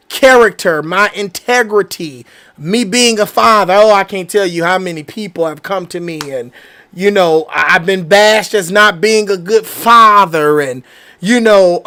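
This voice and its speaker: A man's voice: high voice, sharp tone. A man hosting a podcast, talking casually and earnestly with viewers and reading their comments, often repeating himself. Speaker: podcast host. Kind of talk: casual live-stream talk reading comments.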